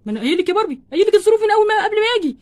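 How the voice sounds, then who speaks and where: Woman doing a broke egyptian husband doll, grumbles nonstop, talks super fast in a high voice. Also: animated. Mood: scolding. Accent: Egyptian Arabic. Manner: exasperated grumbling, fast and wordy. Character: stingy flustered husband doll, grown man, always complaining. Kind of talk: doll play-acting.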